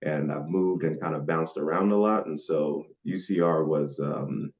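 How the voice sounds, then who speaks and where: A man from Nigeria with a remarkably low, deep voice talks easily through an interview. He rambles a little and is full of fillers. The recording sounds dull and lo-fi. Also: measured pace. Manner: relaxed and chatty, with frequent fillers and laughs. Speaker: podcast guest. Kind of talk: casual interview answers.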